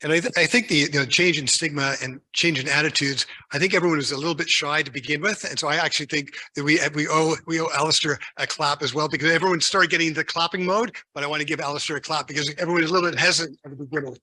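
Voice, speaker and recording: A man facilitates a forum panel in an upbeat, encouraging way. He talks quickly in a fairly high, very bright voice, and the sound is dry. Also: steady tone, poor audio. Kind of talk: hosting a panel.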